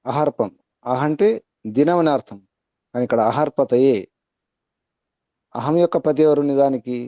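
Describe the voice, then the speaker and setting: A man giving a spiritual discourse. He chants verse words slowly, then explains them in measured, repetitive phrases. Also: mid-range voice, dry recording, muffled recording. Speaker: Vedic teacher.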